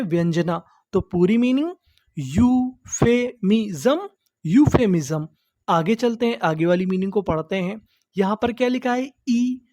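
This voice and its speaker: A woman with a somewhat high, mellow voice, recorded without room sound, gives a slow English vocabulary lesson. She spells each word letter by letter and asks and answers her own questions.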